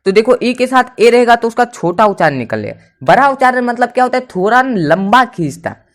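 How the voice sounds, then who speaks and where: A man teaching a pronunciation lesson, spelling each word out letter by letter and repeating it several times, often checking whether his students understand. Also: high-pitched. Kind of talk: spoken English pronunciation lesson.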